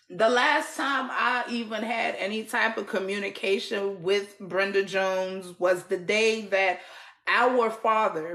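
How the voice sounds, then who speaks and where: With a mid-range, slightly bright voice and a roomy sound, a woman from Trinidad and Tobago who has an American accent speaks to camera. She relates her own story bluntly, candidly and rawly, with curses and wry laughter.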